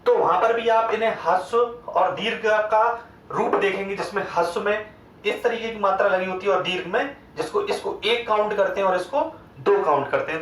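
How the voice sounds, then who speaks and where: High-voiced man teaching in an echoey room. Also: fairly bright tone, recorded from a distance. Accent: Hindi. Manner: asks the class questions and answers them himself, drawing out sounds slowly. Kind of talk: exam-prep grammar lecture.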